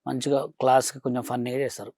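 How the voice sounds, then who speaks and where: A man's voice: mid-range voice, level tone, quick pace, darkish tone, dry recording, clean studio sound. A man, a guest in a casual interview who talks bluntly and brushes off his critics. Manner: blunt, dismissive of critics, colloquial.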